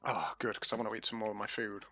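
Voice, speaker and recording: A man's voice: lowish voice, flat delivery, fast talker, muffled recording, background noise. A man casting an esports match live, with casual, self-mocking patter, heard through a livestream headset microphone. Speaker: esports caster. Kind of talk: live game commentary.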